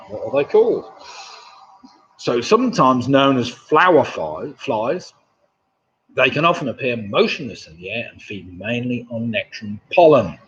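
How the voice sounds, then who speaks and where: Through dull, lo-fi webcam sound with a little background noise, a quizmaster in his sixties hosts a live online pub quiz from a room in his home. His medium-pitched voice is a bit bright, and he is chatty, chuckling at what viewers joke about as he sits at his desk.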